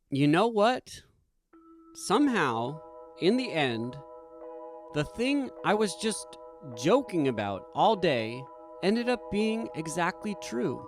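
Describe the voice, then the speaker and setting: Animated male storyteller, lively delivery. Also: a little high, dry recording, clean studio sound. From Boston. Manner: animated, self-deprecating, emphatic. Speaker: storyteller, podcast host. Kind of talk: personal storytelling.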